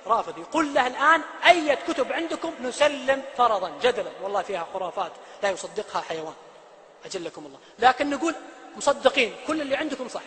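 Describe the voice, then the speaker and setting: A man's voice: very high-pitched, lively intonation, fast, pushed and bright, in a large hall, a little hiss or hum. A man preaching a religious lecture, emphatic and full of rhetorical questions.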